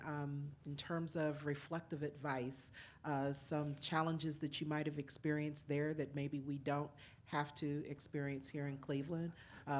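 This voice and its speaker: A woman from the audience asking a polite, measured question. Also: deep voice. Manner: polite, measured, some uhs. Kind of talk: question from the floor.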